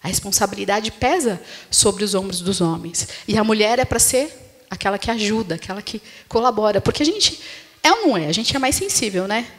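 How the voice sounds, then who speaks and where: A woman's voice: mid-range voice, expressive, a little fast. A woman pastor with a Brazilian Portuguese accent preaching a sermon in a conversational way, often checking in with the congregation through tag questions. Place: church hall. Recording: long reverb of a church hall.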